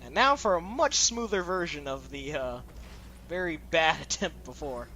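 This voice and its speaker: A man hosting a let's play, talking loosely over gameplay with plenty of "like" fillers. His voice is bright and fairly high, with faint noise behind it. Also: animated, moderate pace. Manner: loose and chatty, lots of "like" fillers. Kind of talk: casual gameplay commentary.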